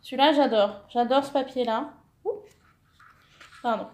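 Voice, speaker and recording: A woman's voice: sits high, a little slow, a little mellow, reverberant. A woman chatting casually through a haul video of craft papers, enthusiastic and full of fillers, correcting herself as she goes. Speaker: scrapbooking vlogger.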